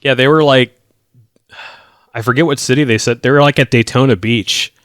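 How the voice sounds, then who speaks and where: A man's voice: mid-range voice, fairly bright tone, no echo, clean studio sound. Sarcastic man recapping a TV episode. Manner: sarcastic, recaps plot in quick summaries. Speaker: podcast co-host recapping episodes. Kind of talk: casual chat.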